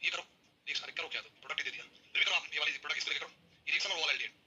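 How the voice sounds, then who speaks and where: An energetic male teacher lectures on chemistry at a rapid clip, always pushing his students to answer back. His voice sits high and sounds very bright and cutting, with a faint hiss of noise behind it. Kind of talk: classroom lecture.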